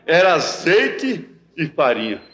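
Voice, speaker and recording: A man's voice: a little high, huge pitch swings, takes it slowly, fairly bright tone. A man with a Brazilian Portuguese accent preaching a sermon in a large church, with an emphatic, repetitive cadence. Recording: echoey church archive recording.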